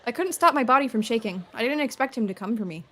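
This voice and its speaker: A woman hosting a let's play, reading the game aloud with expressive, casual reactions. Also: fairly high pitch, fast talker. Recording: voice over game music. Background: game music.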